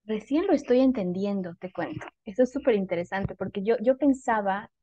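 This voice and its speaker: Woman writer, reflective interview guest, warm dry voice, self-correcting. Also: medium pitch, fairly quick, no echo, highs cut off. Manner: thoughtful, animated, frequent fillers and self-corrections. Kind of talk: casual conversational interview.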